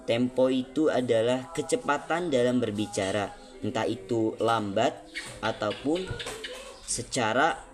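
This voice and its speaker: A young man from Indonesia, a student presenting a lesson, explaining step by step and repeating example phrases slowly. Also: medium pitch, darkish tone. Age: young adult. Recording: music playing clearly behind.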